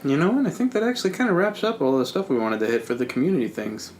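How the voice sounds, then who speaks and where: A man's voice: fairly high pitch, very animated, racing. A man hosting a casual podcast chat in a laid-back, joking way. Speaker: podcast host.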